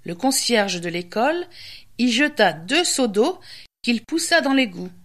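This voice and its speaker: A woman storyteller and radio host reading a children's tale aloud with lively, expressive pacing. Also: a little high, measured pace.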